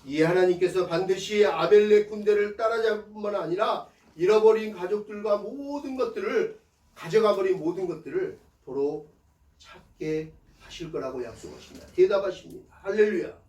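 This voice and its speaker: Male pastor, high-pitched, emphatic preaching, distant mic in a reverberant church. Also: normal speed. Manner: emphatic call-and-response preaching, swelling loud then dropping soft. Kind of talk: sermon. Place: church sanctuary.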